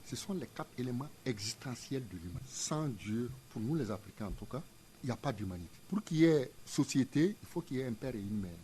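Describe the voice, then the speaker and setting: A man's voice: medium pitch, animated, fast, dark tone, a little hiss or hum. A man, a museum director explaining his ideas in an interview with emphatic, repetitive phrasing. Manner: emphatic, didactic, repeats phrases in parallel pairs.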